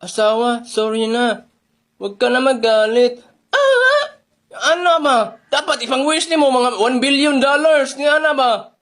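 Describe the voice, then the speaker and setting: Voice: high-pitched, normal speed. One-person comedy skit performer. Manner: animated, jumps between voices. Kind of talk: acted comedy skits playing every part.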